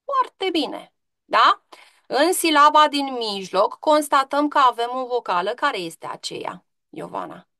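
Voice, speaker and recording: Bright-voiced woman teaching a lesson. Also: high voice, big pitch swings, gravelly, no room sound, clean studio sound. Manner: patient, questioning, drawn-out demonstration words. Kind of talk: online grammar lesson to pupils.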